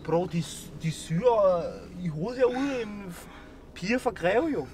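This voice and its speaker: Brash high-voiced young man vlogging from a car. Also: lively intonation, darkish tone. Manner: brash, teasing, heavy slang. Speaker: vlogger host. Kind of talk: casual joking vlog commentary. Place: inside a car at a drive-through attraction. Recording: noisy in-car recording.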